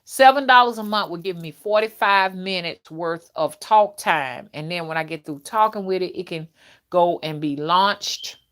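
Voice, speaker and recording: A woman in her early fifties with a lowish, somewhat bright voice and an ordinary speaking speed. As a livestream host and content creator, she chats informally, addresses her viewers directly, and regularly checks in using "okay" and "you know."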